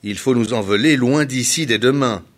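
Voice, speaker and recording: A man's voice: medium pitch, moderate pace, lightly acted. A man voicing a sensible, worried male heron in a storybook tale, speaking earnestly and in warning. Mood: urgent. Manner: earnest, cautioning.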